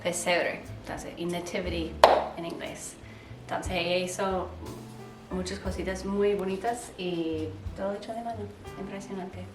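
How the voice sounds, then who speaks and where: A woman's voice: lowish voice, measured pace. Lady chatting, mixes in words, sounds far off in a roomy space w music. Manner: lively, mixes English words into Spanish. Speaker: vlogger. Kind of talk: casual chat.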